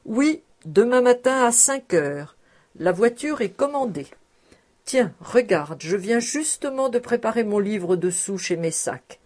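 A woman's voice: fairly high pitch, lively intonation, a little slow. A woman voicing a jovial, stout, balding male tax collector who talks in a boisterous, hearty way in an audiobook. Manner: boisterous and hearty, laughing loudly. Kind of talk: audiobook character reading.

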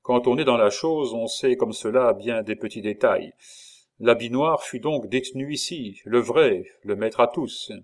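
A man voicing a swaggering convict innkeeper who talks like a salty old sailor, loud and boastful. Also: medium pitch, measured pace, lightly acted. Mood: gruff boasting.

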